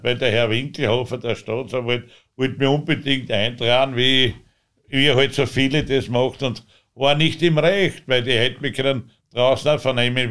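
A man with an Austrian accent, the interviewee, telling his own story in a rambling, halting way with loose dialect grammar. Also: medium pitch, fairly bright tone. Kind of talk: conversational storytelling.

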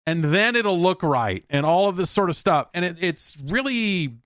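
A high man's voice, fairly bright and swinging widely in pitch, speaks at a moderate pace in a dry, clean studio recording. In his solo video game podcast he talks casually, meandering with wry comments and imagined back-and-forths he plays out.

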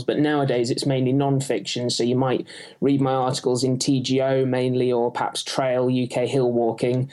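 A man speaking as an interview guest, introducing himself casually in a halting, hesitant way. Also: medium pitch, a little mellow. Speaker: interview guest, outdoor writer and editor.

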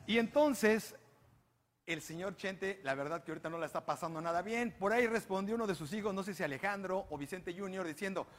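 Male presenter, Mexican accent, higher voice, cheeky slang-filled comic commentary in a studio. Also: a little fast. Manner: joking, slangy, teasing the studio crew. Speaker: guest presenter of a comedy panel show. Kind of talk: comedic show commentary.

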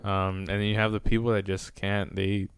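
A man's voice: fairly low pitch, flat delivery, moderate pace, clear, resonant tone, no echo. A man in casual conversation, speaking a little hesitantly and circling back over his phrases.

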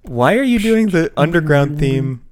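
A man's voice: a little high, animated, moderate pace, darkish tone, clean tone. A man co-hosting a podcast in casual comedic chat, joking, swearing and teasing. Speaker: podcast co-host.

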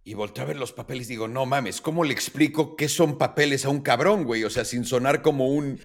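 A man's voice: mid-range voice, fairly quick. A man with a Mexican accent telling a long personal story on a casual podcast, acting out the voices of the people in it and swearing freely. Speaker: podcast host.

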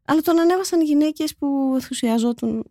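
A young adult woman, a stand-up comedian, telling stories in a casual chat, animated and laughing. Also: sits high, no echo, studio quality. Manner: animated, laughing, quick storytelling with acted quotes.

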